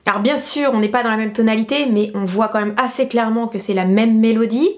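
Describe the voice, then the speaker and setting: A woman's voice: on the high side, quick pace, over music. Chatty woman pianist hosting a vlog. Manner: chatty and emphatic, with frequent hesitation fillers. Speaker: classical pianist and video host. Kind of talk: casual explanatory vlog.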